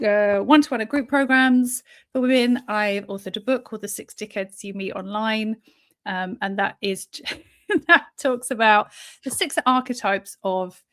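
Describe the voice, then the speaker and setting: A woman hosting a live podcast in a loose, chatty way. She speaks bluntly, swears without hesitation and laughs between points. Her voice sits at an ordinary pitch and sounds close and dry, with no room echo. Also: fairly bright tone. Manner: frank, sweary and quick to laugh. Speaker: podcast host and founder. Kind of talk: casual live podcast chat.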